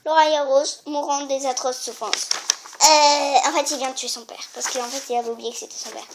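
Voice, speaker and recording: A young girl telling a story in a homemade video, chatty and full of hesitations. Her voice is high. A faint hiss sits under the recording. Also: steady tone, fairly quick.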